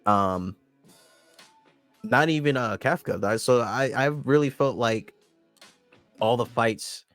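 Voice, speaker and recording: A man's voice: mid-range voice, slow, a bit bright, no echo, soft background music. A man co-hosting an anime podcast, talking in a loose, rambling way with lots of restarts and fillers. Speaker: podcast co-host. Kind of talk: casual chat.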